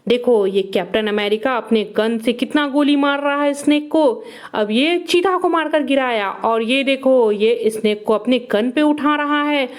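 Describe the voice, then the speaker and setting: A woman narrating toy play for children in an excited, exclaiming way, cheering the toys on. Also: sits high, unhurried.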